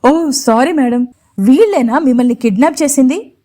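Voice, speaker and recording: A woman's voice: high-pitched, expressive, normal speed, warm tone. A woman voicing a corrupt male police officer who barks orders brusquely. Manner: brusque, commanding. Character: male police sub-inspector, rough and corrupt.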